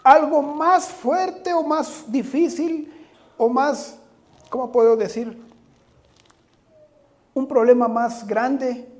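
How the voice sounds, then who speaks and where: A man's voice: extremely high pitch, slow pace, pauses often, a little mellow. A man preaching a sermon, speaking earnestly, often putting rhetorical questions to the congregation and addressing them directly.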